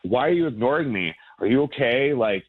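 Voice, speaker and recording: A man's voice: mid-range voice, expressive, a little fast. A man calls in over a thin, tinny phone line, explaining himself in a loose, rambling way. He stays laid-back and laughs easily between thoughts. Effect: heard over a phone line. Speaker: caller on a radio dating segment. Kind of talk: casual chat.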